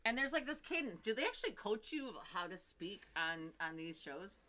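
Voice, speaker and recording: A woman co-hosting a casual panel chat, joking and excitable, often bursting into laughter. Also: medium pitch, moderate pace. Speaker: podcast co-host.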